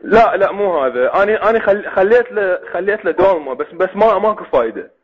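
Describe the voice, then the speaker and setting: A man with an Iraqi Arabic accent and a husky voice talking over the phone as a prank caller, stammering and repeating himself with mock-earnest questions. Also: high-pitched, expressive, fast talker. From Iraq. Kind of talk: phone call, speaking over the phone. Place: on a phone line. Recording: dull lo-fi phone call.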